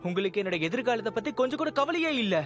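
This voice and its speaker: A woman's voice: on the high side, animated, rapid-fire, close to an everyday voice. A woman dubbing a stubborn young boy who talks back resentfully, with music behind. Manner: pleading, then sulky and accusing.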